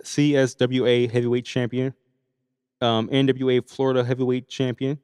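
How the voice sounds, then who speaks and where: A man's voice: mid-range voice, level tone, moderate pace, darkish tone, smooth, no echo, in a large hall. Chill guy reading stats on a podcast, room rings a bit. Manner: laid-back, chewing gum while reading stats. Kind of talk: casual chat.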